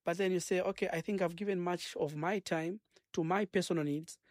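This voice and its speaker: A man with a Zambian accent, a gospel singer and minister, talking earnestly in a radio interview, preaching as he goes and filling pauses with "uh" and "um". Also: high voice, fairly even intonation, no room sound, clean studio sound. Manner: earnest, preachy, rambling with many fillers.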